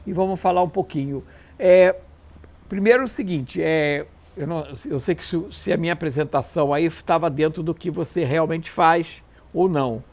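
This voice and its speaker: A man's voice: on the high side, normal speed. Chatty male interview host. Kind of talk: casual interview.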